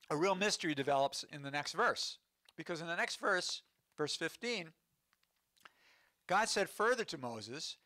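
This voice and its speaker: A man's voice: a little high, sharp tone, dry recording. A man preaching as a rabbi, explaining scripture with rhetorical questions to his congregation. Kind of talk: sermon. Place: congregation sanctuary.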